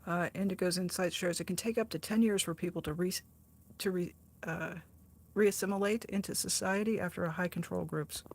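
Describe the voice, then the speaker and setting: With a fairly low, evenly intoned voice and a brisk pace, a woman in her sixties reads chat on her art livestream. She answers comments casually, laughs often, teases herself, and frequently starts her sentences over.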